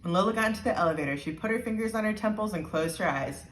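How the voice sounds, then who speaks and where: Expressive woman storyteller in an echoey room. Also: medium pitch, slight background noise. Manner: deliberate, expressive emphasis. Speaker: storybook reader. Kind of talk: expressive scripted children's story narration. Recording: roomy, echoey sound.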